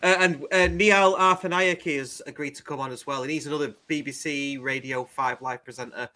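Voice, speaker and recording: A man's voice: a little high, fairly even intonation, a little fast, sharp tone. A man hosting a podcast in casual, chatty style. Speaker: podcast host. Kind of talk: casual chat, running through show plans.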